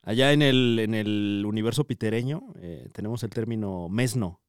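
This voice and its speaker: A man with a Mexican Spanish accent co-hosting a casual comedy podcast, lively and quick to laugh along. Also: on the low side, smooth, no room sound, clean studio sound. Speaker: podcast co-host.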